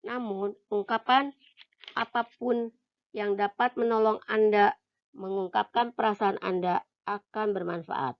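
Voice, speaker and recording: A woman reads a self-help audiobook in a calm, measured voice at an ordinary middle pitch. Short listed phrases drop away soft and hushed. The recording is slightly dull and lo-fi. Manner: calm, measured reading that drops soft and quiet on short list words. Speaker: audiobook reader. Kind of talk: scripted audiobook reading.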